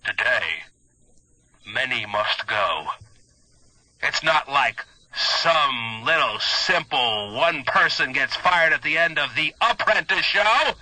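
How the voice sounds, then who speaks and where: A man's voice: medium pitch, animated, takes it slowly, sharp tone, no echo, low-quality recording. A man hosting a morning radio show, his voice run through an underwater gurgling filter, announcing in a mock-stern, dramatic way.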